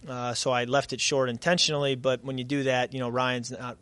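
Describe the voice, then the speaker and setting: A man answering reporters after a game, tired and catching his breath, measured with many fillers and restarts. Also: medium pitch, level tone, fairly bright tone, smooth, no echo. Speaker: quarterback at press conference. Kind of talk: post-game press conference answers.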